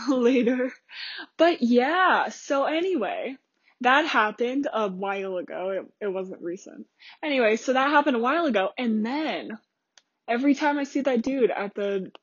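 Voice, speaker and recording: A woman's voice: fairly high pitch, breathy edge, no echo. A young adult woman hosting a podcast, telling a casual story in a chatty, rambling way with lots of fillers and restarts. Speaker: podcast host. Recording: dull lo-fi dry recording.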